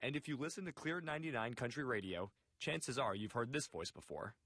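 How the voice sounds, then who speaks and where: A young man reading a scripted television news report in a measured way. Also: mid-range voice, animated, a bit bright, a little hiss or hum. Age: young adult.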